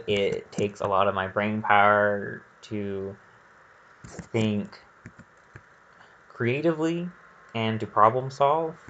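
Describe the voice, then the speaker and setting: A gaming video creator rambles through casual gameplay commentary, thinking aloud in a candid, hesitant way. His voice is lowish with a fairly bright tone, captured on lo-fi audio with a little hiss or hum.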